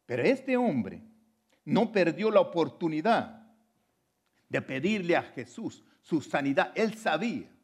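A man preaching a sermon as pastor at a church service, moving between loud fervent appeals and hushed, quiet passages. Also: on the high side, big pitch swings, measured pace, slightly rough.

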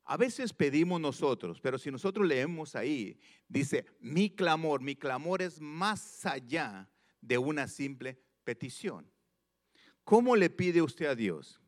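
Man preaching a slow, emphatic sermon. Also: fairly high pitch, very animated. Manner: slow, emphatic reading of scripture with repeated phrases; addresses listeners directly with questions.

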